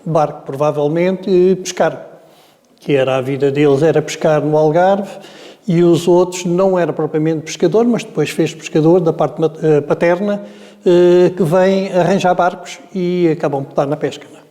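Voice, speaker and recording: A Portuguese man in his seventies with a Lisbon-area accent recalls his family's past at an unhurried, rambling pace, pausing often on filler sounds. His voice sits slightly high yet warm and dark. The room around him lingers with a long reverb tail. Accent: European Portuguese, Lisbon area. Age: 70s. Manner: meandering, hesitant with frequent filler sounds. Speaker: interviewee. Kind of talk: oral history storytelling.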